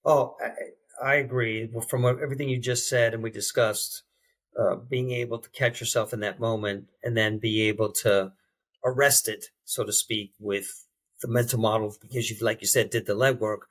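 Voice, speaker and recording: A man interviewing on a podcast who talks haltingly, with many restarts and fillers. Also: on the low side, fairly even intonation, a bit bright. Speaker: interviewer and behavior change specialist.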